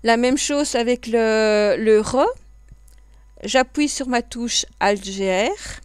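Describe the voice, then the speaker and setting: A woman with a Belgian French accent, calmly walking learners through keyboard use step by step in a computer class tutorial. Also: a little high, takes it slowly, clean tone, no room sound, studio quality. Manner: patient step-by-step explaining, with frequent fillers. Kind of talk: screen-recorded tutorial.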